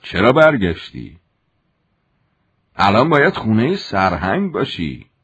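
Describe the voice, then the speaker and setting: A man's voice: fairly low pitch, huge pitch swings, a bit bright, slightly rough, lo-fi sound, full character voice. A man voicing a stern garrison commander who barks orders with authority. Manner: barking, authoritative. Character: angry army garrison commander, stern middle-aged man.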